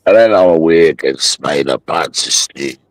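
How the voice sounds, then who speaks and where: A man's voice: a bass voice, unhurried, no echo. A Scottish man chatting casually and jokily in late-night banter, swearing freely and repeating himself.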